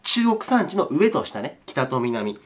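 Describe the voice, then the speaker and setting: A hoarse man with a sore throat, teaching a recorded geography lesson politely and slowly, checking in with his students as he goes. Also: mid-range voice, sing-song.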